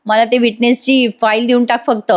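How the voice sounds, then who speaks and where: A woman's voice: on the high side, little pitch movement, normal speed, close to an everyday voice. A woman reading as a playful young husband. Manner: bossy and playful. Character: young male lawyer, teasing husband. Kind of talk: recap voice-over reading of a soap scene.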